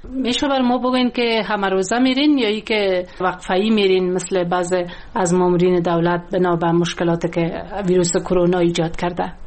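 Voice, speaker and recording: A woman's voice: on the low side, flat delivery, darkish tone. A woman with an Afghan accent asking conversational questions as a radio interviewer.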